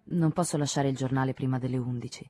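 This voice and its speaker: A woman's voice: a bass voice, fairly even intonation, quick pace, mellow, no room sound. Woman reading as a weary, amused male journalist. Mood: mild. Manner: mild, good-humoured.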